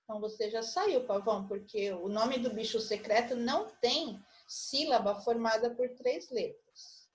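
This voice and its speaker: A woman's voice: on the high side, a little slow. A middle-aged woman with a Brazilian Portuguese accent, teaching an online lesson for children and patiently spelling out syllables and clues step by step. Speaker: primary school teacher.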